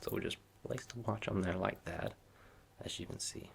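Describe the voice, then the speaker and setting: A man doing a softly spoken whispered role-play as a watch shop salesman, with reassuring customer-service patter in a low, gravelly voice. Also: normal speed, slight background noise.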